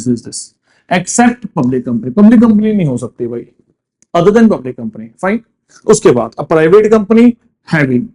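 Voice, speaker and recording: High, mellow-voiced male law teacher. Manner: mixes Hindi and English, asks and answers his own questions. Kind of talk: classroom lecture.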